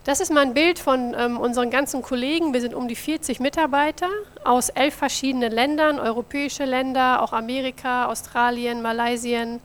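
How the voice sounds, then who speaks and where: With a high voice and a steady tone, this German mission office coordinator talks fairly quickly and barely pauses. She presents a friendly church mission report with slides, speaking directly to those gathered.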